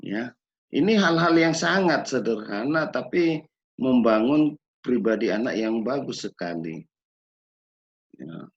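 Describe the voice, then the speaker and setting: A man gives a measured lecture on children's music education, pausing to ask rhetorical questions. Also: medium pitch, expressive, slightly rough. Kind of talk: recorded lecture. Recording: dull lo-fi recording.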